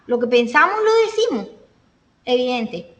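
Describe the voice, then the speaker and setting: Female teacher, high voice, classroom lecture with examples and check-ins; roomy, echoey sound. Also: big pitch swings, unhurried, a bit bright. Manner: explains step by step with examples and checks with listeners. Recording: echoey room, voice from a distance.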